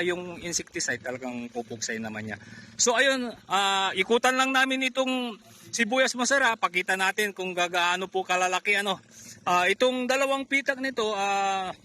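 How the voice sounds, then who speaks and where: A man promoting a fertilizer while walking through an onion field, excited and out of breath, talking to farmers watching. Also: high-pitched. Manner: excited, keeps pointing out crop size.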